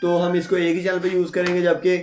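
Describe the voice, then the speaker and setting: This high-sitting, slightly mellow male voice is delivered completely flat and a little fast, with slight background noise. As a product reviewer, he walks casually through an unboxing and demo step by step, sprinkling in little check-in tag phrases, recorded in a room with echo.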